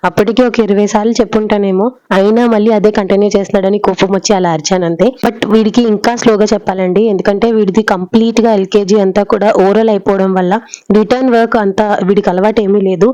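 A woman's voice: mid-range voice, fairly even intonation, fast talker, warm tone, no echo, muffled recording. A woman, a mother and vlogger, narrating her day in a chatty voice-over, dropping English words into her talk and speaking straight to viewers. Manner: mixes English words into Telugu, talks to viewers directly.

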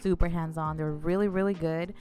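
Young woman, lowish voice, easygoing chat. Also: steady tone, a little fast, warm tone, faint music behind. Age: 20s. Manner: easygoing, giggly, reads questions aloud. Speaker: co-host of a couple's channel. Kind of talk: casual Q&A chat. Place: small home studio room. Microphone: studio microphone on a stand, close.

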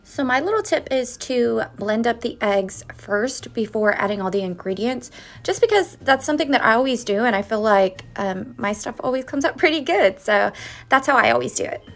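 A woman hosts a baking vlog from her home kitchen, chatting through each step one by one in a casual voice-over. Her voice is a little high, a bit bright, and animated, at a moderate pace over soft background music.

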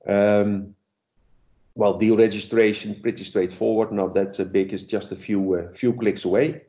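A man giving a relaxed sales presentation in a webinar over a video call, with many fillers and restarts. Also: fairly low pitch, a little slow, highs cut off.

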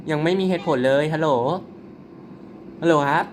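With a voice on the high side and a steady tone at moderate pace, a Thai man narrates his mobile gameplay for his channel. The commentary is casual and jokey, full of mock-polite apologies, exclamations and laughter, over a slight hiss or hum.

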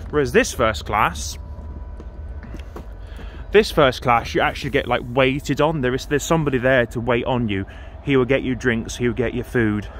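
A man's voice: medium pitch, normal speed, fairly bright tone, a little hiss or hum. Man, casual vlog, chatty, rambling, phone camera, outdoor platform. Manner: chatty, rambling, repeats himself with fillers. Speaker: train vlogger. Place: outdoor railway station platform at dusk. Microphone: handheld phone camera.

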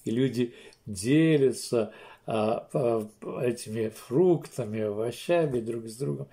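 Seated in an armchair in a small indoor room, an older pastor preaches a sermon slowly and with emphasis, pausing and restarting along the way. His voice is medium-pitched and mellow.

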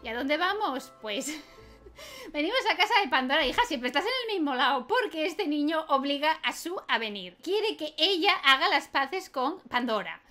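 Chatty lady doing a let's play, high bright voice, laughs a lot. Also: sing-song, normal speed, faint music behind. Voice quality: chatty, laughs often, keeps asking ¿vale?. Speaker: gaming video creator.

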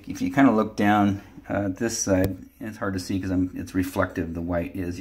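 Man, plumber, practical and chatty, low voice, handheld phone in a bathroom. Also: slight background noise. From California. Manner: practical, explanatory, many fillers. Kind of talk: casual on-the-job walkthrough. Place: indoor bathroom.

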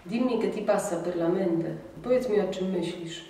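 A woman teaching a language lesson, reading example sentences in a measured, clear way and then translating each one. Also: lowish voice, warm tone, slight background noise. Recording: echoey room, mic at a distance.

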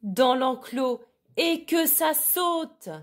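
A bossy young male sheepdog barks his orders in a high, strained voice, as a woman reads him out. He pushes his words out loud and slow, like a storybook dog trying hard to be obeyed. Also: fairly even intonation, breathy edge. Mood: bossy shouting. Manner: barked orders, raised voice.

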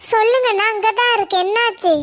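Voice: extremely high pitch, fairly even intonation, fast talker, a bit bright. A voice actor playing a caring village mother in a cartoon, reassuring and fussing over others.

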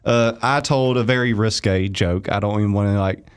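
A young man, a stand-up comedian, chatting casually on a studio podcast mic, rambling and getting animated in his stories. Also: fairly low pitch, normal speed, clear, resonant tone. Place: small radio studio with posters. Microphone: studio boom mic with headphones.

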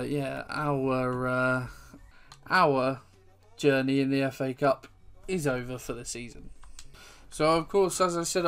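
A man giving chatty live commentary over his own football video game, self-deprecating and bursting into excitement at goals. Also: a little high. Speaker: gaming YouTuber.

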